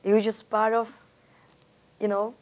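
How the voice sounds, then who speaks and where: In an oral history interview about her art, a Dominican woman speaks with a Dominican Spanish accent, Spanish being her language. Her voice sits on the high side with a level, somewhat dark tone and a slightly slow pace. She's reflective and frequently begins her sentences again.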